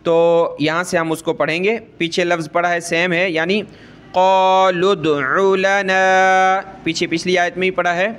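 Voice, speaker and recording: High, smooth-voiced man teaching Quran recitation. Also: level tone, fairly bright tone. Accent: Pakistani Urdu. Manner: slow drawn-out melodic recitation, then brisk spoken explanation. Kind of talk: tajweed lesson, slow chanted recitation alternating with quick explanation.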